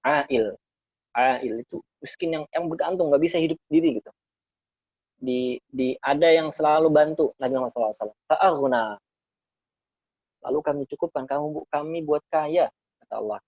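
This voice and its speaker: A man's voice: a little high, a little fast, long pauses, no room sound. A man teaching a casual Quran study session, explaining Arabic verses phrase by phrase and repeating key words to listeners he treats as friends. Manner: addresses listeners as friends, relaxed and conversational. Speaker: Islamic teacher. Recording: slightly dull lo-fi recording.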